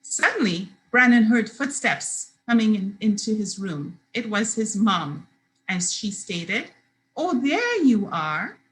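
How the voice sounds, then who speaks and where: A woman's voice: mid-range voice, unhurried, fairly bright tone, rough recording. A woman reading her children's book aloud, giving the characters their own voices. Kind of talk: expressive storybook read-aloud.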